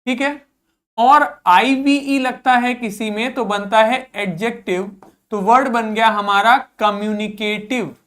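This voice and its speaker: A woman's voice: fairly high pitch, fairly even intonation, slow pace. A woman with an Indian accent teaching an English vocabulary lesson, repeating each word to drill its pronunciation and asking questions that she answers herself. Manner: asks students questions and answers them herself.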